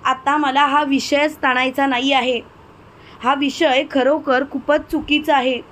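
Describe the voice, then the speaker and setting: A woman's voice: high-pitched, level tone, a little slow, fairly bright tone. A woman voicing a proud, defiant young woman who speaks firmly and insistently.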